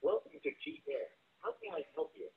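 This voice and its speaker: An automated male voice bot giving a scripted announcement, played through a phone on speakerphone. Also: brisk. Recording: tinny phone speaker, picked up from the room.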